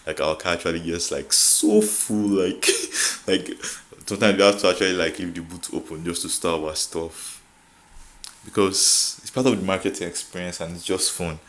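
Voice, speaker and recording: A young man from Nigeria vlogs to camera in a relaxed way, his Nigerian-accented voice low and fairly bright, fairly even in intonation, at a normal speed. Laughter comes often, he code-switches, and "like" keeps recurring as filler.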